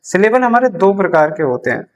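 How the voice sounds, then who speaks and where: Very animated and brisk, a teacher with a medium-pitched voice gives a beginner English lesson using Hindi explanations. They write examples on a board, repeat the key terms, and answer their own questions.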